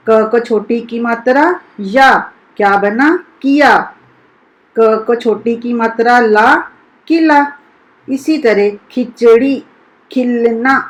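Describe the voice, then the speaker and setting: A woman school teacher giving a recorded lesson to young children, sounding out each syllable slowly and deliberately. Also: on the high side, poor audio.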